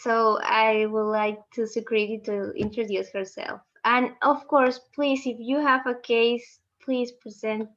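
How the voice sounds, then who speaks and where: A young woman from Peru, a medical student, chatting on a video call in a friendly, halting way as she looks for her words. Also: on the high side, flat delivery. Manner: warm, halting, searches for words. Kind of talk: casual video call chat. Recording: slightly dull video call audio.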